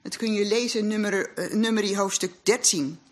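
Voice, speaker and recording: Speaking briskly in a medium-pitched voice, a woman delivers a sermon with personal testimony in a church hall. She is a lay speaker for the congregation, and her earnest, reflective talk weaves scripture together with her own experiences.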